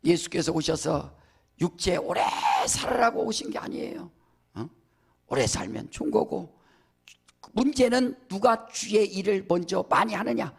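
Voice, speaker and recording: A middle-aged male pastor preaching a sermon, emphatic, with rising shouted lines and questioning asides to the congregation. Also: high voice, animated, a little slow, creaky, breathy edge.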